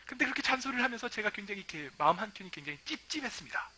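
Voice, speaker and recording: A male pastor preaching a sermon, telling stories lively and acting out what people say. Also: high voice, racing, a little hiss or hum. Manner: lively storytelling, acting out quoted remarks.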